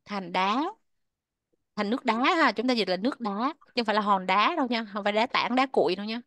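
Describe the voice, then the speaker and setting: This is a woman teaching English to young learners in a classroom. She works through a lesson step by step, drawing each word out slowly and repeating it for the class to echo. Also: mid-range voice, a bit bright.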